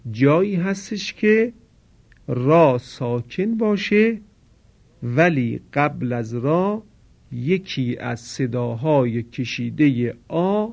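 A man teaching Quran recitation in a formal broadcast lesson. He explains each rule slowly, carefully and politely, and repeats it. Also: medium pitch, creaky, darkish tone, highs cut off.

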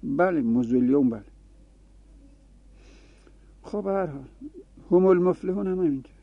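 Gravelly-voiced man teaching grammar, phone-like sound. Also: on the high side, lively intonation, dry recording. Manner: explanatory, repeats example forms aloud. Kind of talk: classroom grammar lesson. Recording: tinny phone-like dry recording.

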